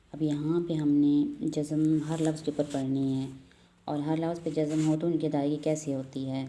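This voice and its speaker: Low, flat-voiced woman teaching recitation. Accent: Urdu-speaking, Pakistani. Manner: patient, repeats letter sounds slowly and drills them. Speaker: Quran reading teacher. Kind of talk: step-by-step recitation lesson.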